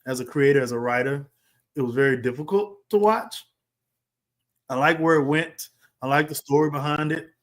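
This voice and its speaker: Brief: male stream host, slightly higher voice, excitable and exasperated, restarts often, on a webcam mic. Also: moderate pace, pauses often. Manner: animated, exasperated, talks in bursts with restarts. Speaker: livestream host reviewing a film. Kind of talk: casual live reaction commentary.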